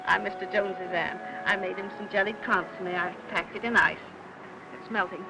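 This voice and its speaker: An actress playing a fussy, chattering older aunt who rambles and pries in a 1950s film. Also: female voice, medium pitch, fairly even intonation, moderate pace, gravelly, heavy background noise, close to an everyday voice. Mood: puzzled polite. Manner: rambling, prying, fussing talk.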